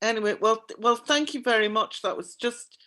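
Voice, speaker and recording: A woman chairing an academic panel discussion over a video call. She stammers and repeats words often, and her voice is going hoarse. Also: fairly high pitch, a little fast, sharp tone. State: losing her voice.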